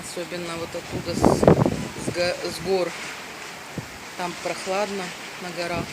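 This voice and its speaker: A woman films a casual outdoor vlog from a balcony as strong wind batters the microphone. She talks slowly and off the cuff, dropping exclamations between her remarks. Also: lowish voice, flat delivery. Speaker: amateur vlogger filming from a balcony. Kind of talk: casual spontaneous narration to camera. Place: outdoors on a windy high balcony. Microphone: handheld camera mic buffeted by wind. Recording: loud wind noise buffeting the microphone.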